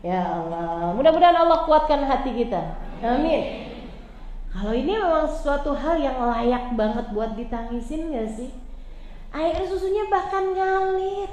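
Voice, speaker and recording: A woman preacher telling a religious story with emotion, dropping soft and low when she quotes the figures in it. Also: expressive, measured pace, dull audio, a little hiss or hum. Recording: echoey room with faint ambience.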